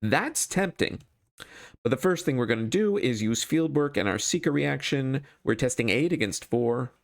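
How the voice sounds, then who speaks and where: Gravelly, animated man narrating his game. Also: medium pitch, moderate pace. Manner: wry, self-deprecating. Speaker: host playing a solo card game. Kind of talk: casual game commentary, thinking aloud.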